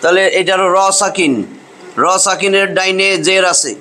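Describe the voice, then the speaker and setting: A man's voice: sits high, fairly even intonation, moderate pace, pushed and bright. A man teaching a Quran recitation class, patiently repeating each rule with drilled examples. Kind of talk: classroom tajweed lesson.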